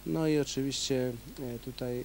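A man talking in a steady, monotone way as a kickboxing coach, stopping often on "uh" between phrases. A faint hum sits under his voice, as on an old 1990s video tape. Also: medium pitch, normal speed, gravelly, low-quality recording. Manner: hesitant, many fillers. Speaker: kickboxing coach and event organizer. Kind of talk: local TV interview.

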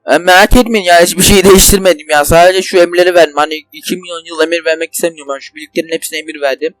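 Young male gaming host, highish voice, rambling commentary that boils over into swearing rants, dry close sound. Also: steady tone, rapid-fire, fairly bright tone, no room sound, soft background music. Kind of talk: casual let's play commentary. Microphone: desk microphone.

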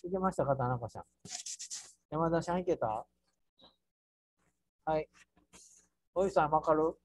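A man's voice: fairly high pitch, a little slow. Playful Kansai man teaching a class. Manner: playful, with sound words and squealing mock guest voices. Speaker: architecture instructor. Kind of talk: software tutorial for a class.

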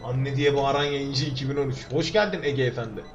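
A man's voice: mid-range voice, a little fast, lo-fi sound, slight background noise. A young man from Turkey livestreaming a game from his room, chatting with viewers and joking to himself as he plays. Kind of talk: live gameplay commentary. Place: home room. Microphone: desk microphone.

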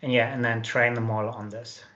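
A man's voice: mid-range voice, level tone, fairly quick, pushed and bright. A man on a headset video call, explaining machine learning at a panel, with many "like" fillers. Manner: explanatory, many "like" fillers, quotes example phrases. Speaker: panelist from an AI company. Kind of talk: technical panel discussion over video call. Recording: dull roomy video-call audio.

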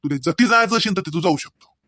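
A furious young husband in an animated cartoon. He scolds in a high, tight voice. The sound is close and dry. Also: fast, no echo. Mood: angry. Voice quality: stern, scolding. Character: angry young husband defending his parents. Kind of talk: cartoon voice acting.

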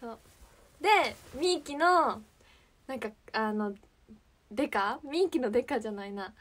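High-voiced young Kansai woman chatting. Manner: chatty, rambling, searching for words. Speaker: idol livestream host. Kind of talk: casual livestream chat.

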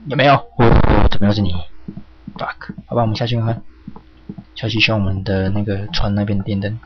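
A man's voice: fairly low pitch, flat delivery, brisk. Jumpy young man yelping at a game. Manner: jumpy, yelps and curses at the game. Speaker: game streamer. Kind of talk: horror game let's play commentary. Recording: slightly dull lo-fi home mic with faint hiss.

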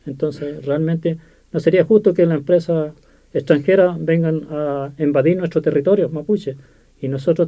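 A man, a community representative, answering in a radio interview, earnest and repeating himself. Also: a little high. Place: small radio studio. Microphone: studio table mic. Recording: dull lo-fi sound.

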